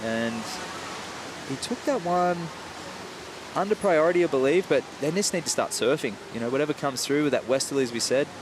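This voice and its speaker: A man's voice: expressive, fairly quick. A man giving conversational analysis as a surf coach and guest commentator. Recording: clear outdoor hiss and rumble behind.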